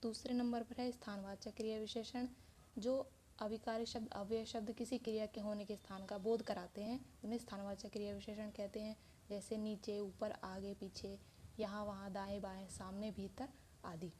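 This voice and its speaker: Female teacher, mellow voice, patient step-by-step explaining, faint room hum. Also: mid-range voice, little pitch movement, normal speed. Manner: explains step by step with many examples. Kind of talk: Hindi grammar lesson.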